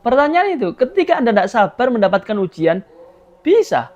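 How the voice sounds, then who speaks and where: High-voiced Javanese-accented preacher, animated. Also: male voice, brisk. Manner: lively, mixes in local phrases, acts out quoted voices. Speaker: Islamic preacher. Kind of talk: religious sermon. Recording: dull lo-fi live stream audio.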